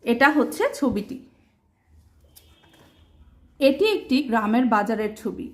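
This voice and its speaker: A woman's voice: on the high side, slow, a little mellow. A woman teaching a primary school language lesson, asking questions and answering them herself, spelling words out letter by letter. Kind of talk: explaining a children's textbook lesson.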